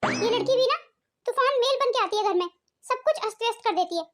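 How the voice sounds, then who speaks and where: A very high, quick, cartoonish voice: a woman doing an older mother-in-law who frets about family peace. She scolds and soothes in the same breath. She sounds motherly and worried. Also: lively intonation, fairly bright tone. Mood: fretting. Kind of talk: cartoon family drama voice acting.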